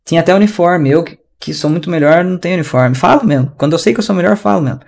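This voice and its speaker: A man's voice: a little high, racing, vocal fry, a little mellow. A man with a Brazilian Portuguese accent teaching an online English class in a chatty, slangy, ranting way over a video call.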